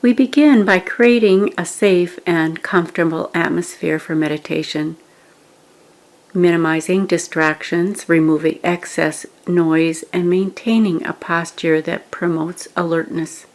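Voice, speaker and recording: In a guided meditation, a woman with a lowish, steady voice gives scripted instructions gently, pausing often at a measured pace.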